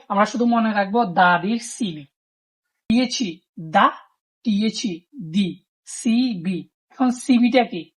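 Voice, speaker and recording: A woman with a Bengali accent teaching English grammar, explaining slowly and deliberately, spelling out examples. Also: medium pitch. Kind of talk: language lesson.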